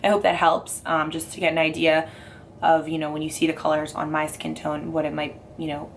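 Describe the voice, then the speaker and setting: Hoarse, raspy young woman vlogging. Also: low voice, flat delivery, fairly quick, slight background noise. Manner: chatty, rambling with many fillers. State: hoarse from a cold. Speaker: beauty vlogger. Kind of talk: casual makeup review.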